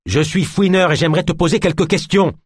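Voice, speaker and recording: A determined investigator, played by a man barks firm orders in a raised, slightly husky voice. It is recorded dry and close. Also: a little high, brisk, dry recording, voice pushed up. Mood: commanding. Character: determined male investigator, firm under pressure.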